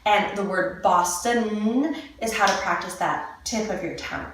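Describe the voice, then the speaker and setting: A woman movement coach giving a casual lesson and slowly demonstrating mouth sounds. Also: fairly low pitch, noisy background. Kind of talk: casual instructional talk. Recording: echoey room, mic at a distance.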